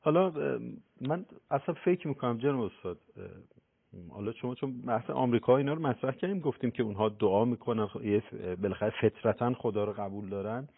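A man's voice: mid-range voice, creaky, slightly rough. A man hosting a religious talk show, speaking politely and deferentially with frequent hesitations. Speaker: host. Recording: thin phone-like broadcast sound.

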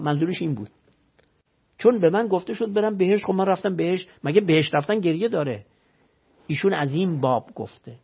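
Heard over the radio with the highs cut off, this religious scholar has a high, gravelly voice with a breathy edge. His talk is emphatic and explanatory, full of rhetorical questions and scripture recitation.

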